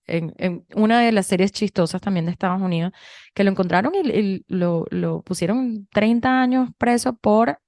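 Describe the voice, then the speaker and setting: A woman in her thirties from Venezuela with a Venezuelan Spanish accent, co-hosting a podcast and telling stories in a chatty, animated way with many restarts. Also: mid-range voice, normal speed, no echo, clean studio sound. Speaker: podcast co-host. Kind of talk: casual conversation.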